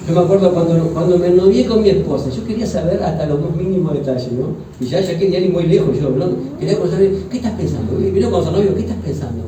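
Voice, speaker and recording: Uruguayan pastor preaching in an echoey hall. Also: male voice, high-pitched, quick pace, hardly any pauses, mellow, a little hiss or hum. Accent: Uruguayan Spanish. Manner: joking, conversational, asks the congregation questions. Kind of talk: sermon. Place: church hall. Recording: echoey church hall from far off.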